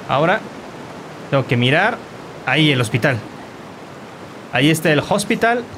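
A man commentates his gameplay in a slightly high, very lively voice. He bursts into shouts and insults at enemies. Faint noise sits behind him. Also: moderate pace. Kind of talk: let's play commentary.

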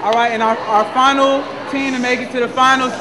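A young man emcees a competition in an outdoor courtyard, hyping the teams and calling the crowd to order. His voice is very high for a man. A crowd murmurs clearly around him. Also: little pitch movement, a little fast. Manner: hyped, calls for applause and quiet. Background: crowd noise.

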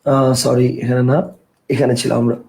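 A man teaching a grammar lesson, explaining step by step and often asking whether the point is clear. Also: medium pitch, level tone, brisk, darkish tone, reverberant.

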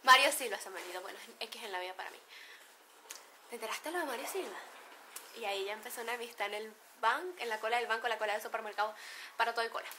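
Bright, playful Venezuelan woman vlogging. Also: fairly high pitch, fairly even intonation, very fast, a little hiss or hum. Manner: playful, laughs often, acts out slang examples. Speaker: beauty vlogger. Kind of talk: casual chat to camera.

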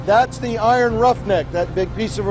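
A man's voice: sits high, moderate pace, noisy background. A middle-aged man giving an informative technical explanation, as a drilling expert on a tour.

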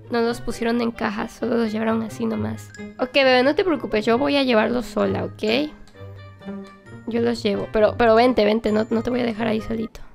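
A young woman narrating her doll play in a lively, exclamatory way, talking to the toys like a babysitter. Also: fairly high pitch, vocal fry. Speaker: toy play vlogger.

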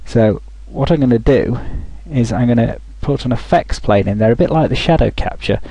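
A man talking through a software tutorial over a screen recording, thinking aloud with frequent restarts. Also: medium pitch, moderate pace, husky, no room sound, poor audio.

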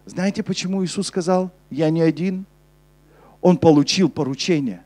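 A young man preaching a sermon on a church stage with a handheld mic, switching between emphatic urgency and a soft, low delivery. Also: normal speed. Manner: preaching with rising intensity, then dropping soft and low for scripture. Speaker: pastor. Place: church stage before a congregation.

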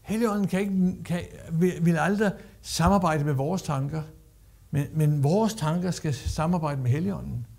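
A man's voice: a little high, creaky, darkish tone. A man preaching a sermon as a guest speaker, emphatic, repeating phrases and acting out quotes.

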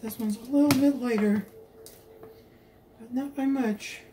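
Home cook woman, high voice, chatty cook-along, noisy phone recording in a kitchen. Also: measured pace. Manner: chatty, homey, talks to viewers while cooking. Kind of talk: casual cook-along narration. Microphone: phone camera held while cooking.

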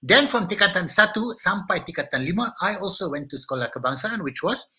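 Hosting a live-streamed talk show in a small studio set with a brick wall, a middle-aged Malaysian man chats casually with viewers in his Malaysian accent. Energetic and hyper, he greets people by name, talking fast in a high-pitched voice.

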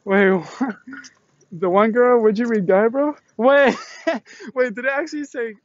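A young man live-streaming outdoors on a college campus from a selfie stick, excitable and slangy, laughing often and swearing, out of breath and sweaty after push-ups. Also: very high voice, a little slow, dry recording, highs cut off. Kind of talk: casual live-stream chat. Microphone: selfie stick tripod.

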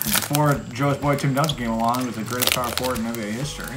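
A man's voice: mid-range voice, steady tone, very fast, background noise. A man co-hosting a card-collecting show, offering wry, teasing commentary and tracking pull odds. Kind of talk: casual chat while opening packs.

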